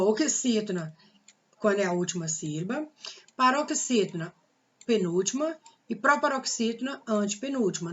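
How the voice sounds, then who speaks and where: A woman's voice: fairly high pitch, dull audio. Brazilian teacher woman, patient explainer. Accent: Brazilian Portuguese. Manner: patient, repeats rules with rhetorical questions. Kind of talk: recorded grammar lesson.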